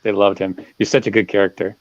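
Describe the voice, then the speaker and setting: A man chatting casually on a podcast, dropping quick asides. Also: lowish voice, level tone, crowd noise. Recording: dry, dull lo-fi audio.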